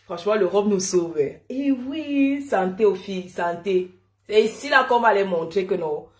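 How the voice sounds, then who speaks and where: A woman recounts a personal story in a lively, casual way, laughing often and addressing her listeners directly. Her voice has a middling pitch and sounds echoey, as if recorded in a bare room. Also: measured pace. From Cameroon. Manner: lively and chatty, often laughing, calls listeners "mon frère".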